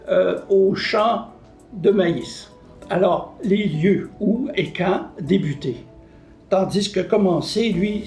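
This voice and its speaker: A man presents a short language lesson, his voice pitched high for a man. He works through example sentences in a patient, didactic way and answers his own questions. The room is echoey, with faint music underneath. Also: creaky, a little mellow. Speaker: French language columnist.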